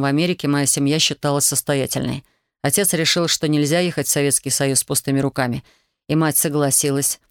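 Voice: medium pitch, smooth, no room sound, lightly acted. A reader voicing a young soldier husband, earnest and remorseful, in a dry audiobook recording.

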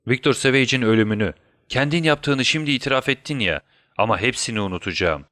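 A man's voice: medium pitch, animated, brisk, pushed and bright, no echo, clean studio sound. A man voicing a sick, feverish male detective in a storybook reading, urgent and conspiratorial. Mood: faint.

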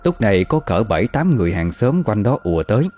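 A man narrating a scripted horror story in a steady, measured way. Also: fairly low pitch, soft background music.

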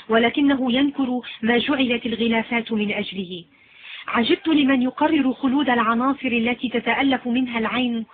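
A calm mystic seer speaks with slow, solemn certainty, as a woman reads her part. The voice sits fairly high. The sound is thin and lo-fi, like a phone line. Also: slight background noise, lightly acted.

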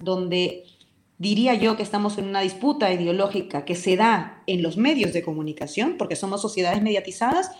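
A woman's voice: medium pitch, a little mellow, echoey room. A woman with a Peruvian accent, speaking with passion and vehemence as a guest in a radio interview. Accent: Peruvian Spanish. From Peru.

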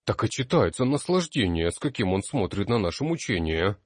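A man's voice: on the low side, sing-song, a little fast, breathy edge, no echo, clean studio sound. A man voicing a sullen young male student in an audiobook, speaking gloomily and bitterly. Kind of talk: audiobook character voice.

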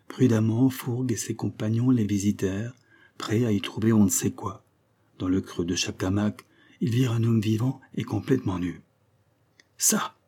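Narrateur masculin, récit maritime lu, timbre voilé, grave. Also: male voice, on the low side, dark tone, breathy edge. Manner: measured, literary. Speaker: audiobook reader. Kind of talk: scripted story narration.

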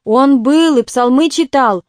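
Woman voicing an insistent, tipsy officer; loud, higher register, dry close sound. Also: unhurried, no echo. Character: tipsy, excitable male officer at a feast.

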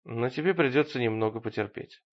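A man's voice: mid-range voice, brisk, lo-fi sound, close to an everyday voice. A man voicing a scheming man who coaxes his fiancée in a falsely tender way. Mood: coaxing.

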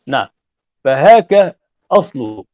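A man giving a classroom grammar lecture, repeating and spelling out word forms deliberately. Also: mid-range voice, big pitch swings, no echo. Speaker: grammar teacher. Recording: dull lo-fi recording.

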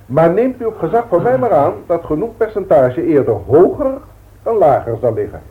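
The thin, phone-like sound of an old radio recording carries a 1960s drama in which a male actor with a Dutch accent portrays a formal, long-winded company director. On the high side with big pitch swings, he addresses the board in measured, pompous speeches, grave and stern.

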